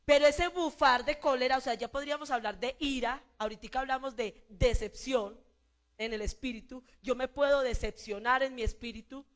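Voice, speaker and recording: Colombian woman pastor, high voice, preaches by firing questions at the congregation. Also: steady tone, normal speed. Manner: asks the congregation repeated rhetorical questions. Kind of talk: sermon.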